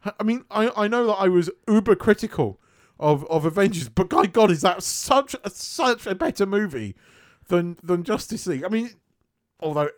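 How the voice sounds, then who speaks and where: A man co-hosting a casual film chat, animated and swearing freely, laughing often. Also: sits high, normal speed. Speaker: podcast co-host.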